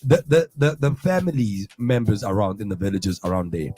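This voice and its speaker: A man's voice: fairly low pitch, very animated, fairly quick, darkish tone, breathy edge, soft background music. A young man with a South African accent hosting a radio breakfast show in casual, rambling chat, full of repeated fillers. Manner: rambling, filler-heavy, repeats "you know what I mean". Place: studio.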